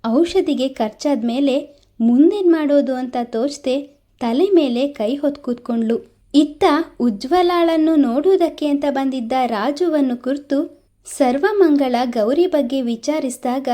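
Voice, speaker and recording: A woman narrating an emotional village story in a steady, emotive scripted reading. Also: high-pitched, a little slow.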